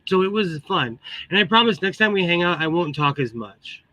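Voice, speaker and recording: Bright, chatty man with tinny metallic sound. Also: sits high, expressive, normal speed, no room sound. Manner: chatty, exclamatory, greets viewers. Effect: tinny, metallic tin-can microphone sound. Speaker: livestream host, sewing hobbyist. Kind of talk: casual livestream chat.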